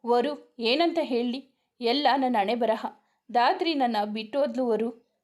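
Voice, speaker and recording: A grieving young husband from a spoken romance, as a woman reads him. He talks slowly and despairingly, in a fairly high voice. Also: darkish tone, natural voice.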